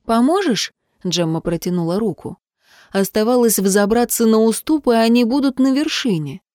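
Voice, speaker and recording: A woman narrating a novel in an even, measured reading voice. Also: fairly high pitch, dry recording, studio quality. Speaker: audiobook narrator.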